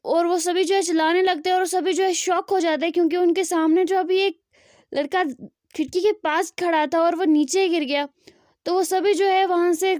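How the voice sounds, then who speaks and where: Very high-voiced young woman telling a story. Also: a little mellow, dry recording, clean studio sound. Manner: chatty, frequent fillers. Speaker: storyteller, fan-fiction narrator. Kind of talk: casual storytelling narration.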